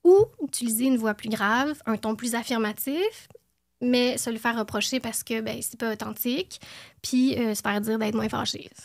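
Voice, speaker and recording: A woman's voice: fairly high pitch, moderate pace, dry recording, clean studio sound. A woman with a Quebec French accent, a podcast guest explaining her points in a casual chat. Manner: explanatory, chronicle-style delivery.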